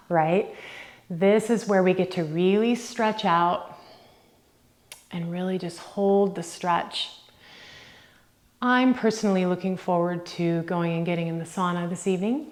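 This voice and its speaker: A woman's voice: on the low side, takes it slowly, pauses often. A woman fitness instructor leading a workout at home, counting reps aloud and coaching with encouragement. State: out of breath at times.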